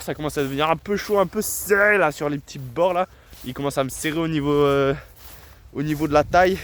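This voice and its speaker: A man's voice: medium pitch, fairly bright tone, a little hiss or hum. A young man, chatting casually to his viewers in a self-mocking way and laughing often. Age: late teens. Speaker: vlogger. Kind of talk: casual vlog chat.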